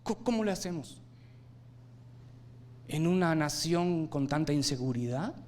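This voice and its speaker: Spanish preacher guy, highish voice, goes big and loud then drops real low, keeps asking the congregation stuff. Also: animated, a little slow. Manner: dramatic swings between loud emphatic and low quiet delivery; addresses listeners directly, rhetorical questions. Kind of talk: sermon.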